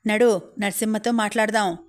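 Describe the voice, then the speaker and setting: A woman voicing a motherly village housewife who consoles and chides gently, speaking with a Telangana accent in an audiobook reading. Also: mid-range voice, fairly even intonation, normal speed, natural voice. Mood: consoling. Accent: Telangana Telugu.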